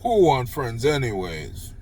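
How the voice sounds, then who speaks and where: An older Jamaican man with a Jamaican accent rants about politics into his phone in an unedited recording with slight background noise. His medium-pitched, darkish voice swoops wildly and moves unhurriedly as he heaps sarcastic, mocking praise, blunt and swearing freely.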